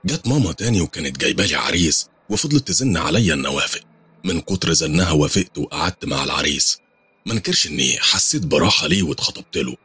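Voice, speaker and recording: A male storyteller with an Egyptian Arabic accent narrates a horror tale in the first person. His low, husky voice moves fast with lively pitch, and the sound is dry and close with no room sound.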